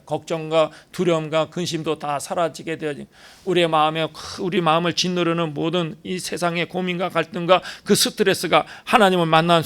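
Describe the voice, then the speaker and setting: A man's voice: fairly high pitch, gravelly, fairly bright tone. A male pastor preaching a sermon, emphatic, asking rhetorical questions and dropping in short affirming "yes" interjections.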